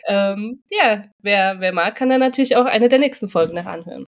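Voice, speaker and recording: A woman's voice: mid-range voice, fairly quick. A woman hosts a podcast and chats casually with her guest. She keeps asking curious follow-up questions. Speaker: podcast host.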